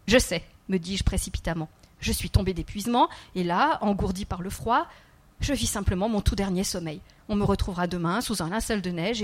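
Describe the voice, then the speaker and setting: A woman narrating a novel in the first person, dramatic and emotional. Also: medium pitch. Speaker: audiobook narrator.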